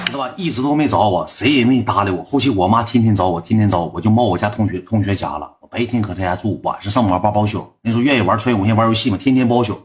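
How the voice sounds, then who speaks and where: Fast-talking Northeast Chinese young man. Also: fairly low pitch. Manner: slangy, swearing, animated retelling with repeated asides. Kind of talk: storytelling to a livestream audience.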